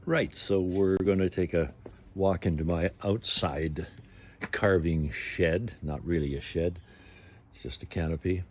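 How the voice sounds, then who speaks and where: A man in his sixties giving an informal demonstration in an unhurried, halting way, with trailing asides. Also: low voice, fairly even intonation, a little mellow, slight background noise. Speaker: ventriloquist and puppet carver. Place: outdoor canopy tent used as carving workshop.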